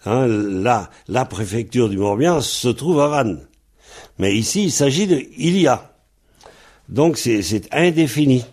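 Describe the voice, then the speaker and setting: A man teaching a grammar lesson, pausing on fillers and spelling words out letter by letter. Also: mid-range voice, animated, darkish tone, breathy edge. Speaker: Breton language teacher. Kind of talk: slow explanatory grammar lesson.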